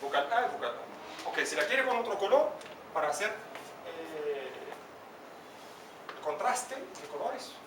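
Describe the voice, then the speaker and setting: A man teaching an Arabic lesson to a class, asking students questions by name and drilling pronunciation slowly. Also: high voice, very animated, background noise. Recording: echoey classroom from a distance.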